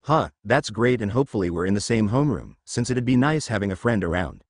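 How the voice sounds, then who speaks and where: A calm young hero with a quietly vengeful edge, read by a man in a lowish, animated voice, earnest and plain. The sound is close and dry. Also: quick pace, no room sound.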